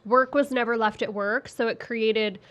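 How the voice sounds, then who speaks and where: A woman's voice: on the high side, fairly even intonation, moderate pace, fairly bright tone. A woman co-hosting a podcast, speaking candidly and reflectively in casual chat. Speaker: podcast co-host.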